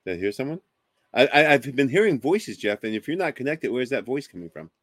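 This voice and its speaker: An excitable man who stammers and repeats himself as he co-hosts a casual radio chat. His voice is recorded dry and close. He sits at a middling pitch for a man. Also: brisk, dry recording. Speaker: co-host.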